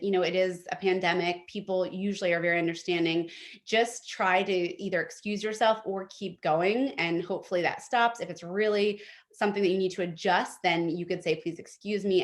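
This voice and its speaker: Chatty woman teaching online etiquette. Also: lowish voice. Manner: friendly, practical, chatty with fillers. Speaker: etiquette workshop presenter. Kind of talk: online workshop presentation. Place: home office by a window.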